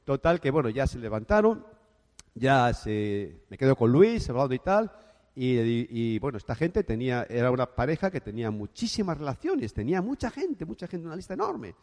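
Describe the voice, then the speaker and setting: A man telling a business anecdote, animated and acting out the dialogue with sound effects. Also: mid-range voice, moderate pace, in a large hall. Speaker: speaker telling his business story. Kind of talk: anecdotal motivational talk.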